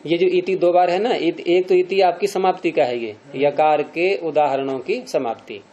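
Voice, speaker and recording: A male teacher lecturing on Sanskrit grammar, with a fairly high voice that stays mellow and warm. He explains each point step by step and keeps firing questions at his students. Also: moderate pace, highs cut off.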